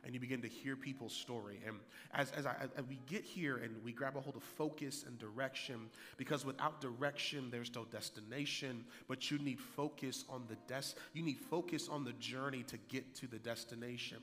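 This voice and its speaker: Bright-voiced preacher in his thirties. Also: normal speed, hardly any pauses. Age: 30s. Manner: energetic preaching, rising loud and high for emphasis, repeats key lines. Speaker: pastor. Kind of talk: sermon. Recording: hall reverb.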